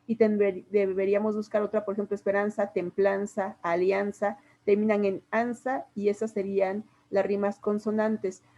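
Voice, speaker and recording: Mexican lady teacher going thru poetry terms slow and patient, warm voice, kinda muffled lo-fi sound. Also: mid-range voice, flat delivery. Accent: Mexican Spanish. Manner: patient, explains step by step with examples. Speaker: literature teacher. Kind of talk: classroom lesson.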